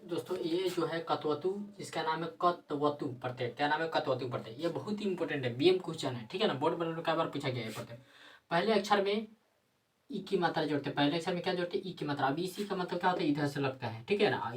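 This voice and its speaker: Low-pitched woman teacher, recorded distant from the mic, answering her own repeated questions. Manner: repeats rhetorical questions and answers them herself; frequent tag questions. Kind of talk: grammar lesson.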